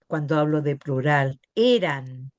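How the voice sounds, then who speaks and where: Slow-talking Chilean woman teacher. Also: deep voice, expressive, darkish tone, dry recording, muffled recording. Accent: Chilean Spanish. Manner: patient, checks understanding with tag questions. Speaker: English teacher. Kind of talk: classroom lesson explaining grammar.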